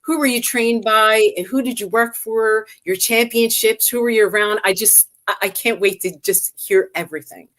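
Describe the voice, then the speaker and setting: A woman's voice: on the high side, moderate pace, hardly any pauses, a bit bright. A woman co-hosting an interview, eagerly firing off questions.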